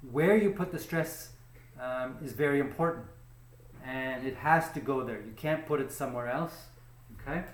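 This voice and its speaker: Male teacher, slightly high voice, very slow and deliberate, echoey room; keeps asking "okay?" after each point. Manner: checks in with frequent "okay?"; slow and deliberate, stretching example words. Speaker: English pronunciation teacher. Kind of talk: slow, patient spoken lesson.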